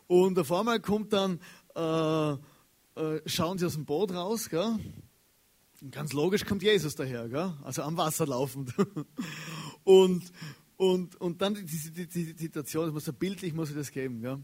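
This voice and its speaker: A man preaching a casual, slangy sermon. He is chatty and animated, and keeps checking in with his listeners. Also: on the high side, unhurried, breathy edge.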